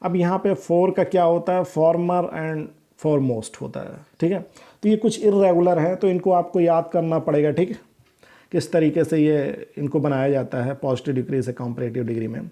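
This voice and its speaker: A man teaching an English grammar lesson, explaining in Hindi and slowly reading out English rules, often checking in with "theek hai" and correcting himself. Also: a little high, mellow. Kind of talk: recorded classroom lesson.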